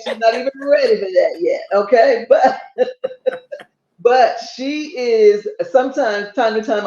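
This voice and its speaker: A woman's voice: medium pitch, warm tone. Enthusiastic older woman podcast host. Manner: enthusiastic, chatty, emphatic repetition. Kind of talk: casual interview chat. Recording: roomy, dull lo-fi sound.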